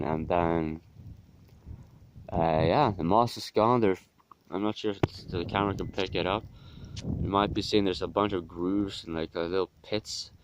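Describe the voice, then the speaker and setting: A hungover man who is a native Norwegian speaker, rambling casually in a halting, musing, self-deprecating way for a vlog. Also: sits low, clean tone, rough recording. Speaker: vlogger.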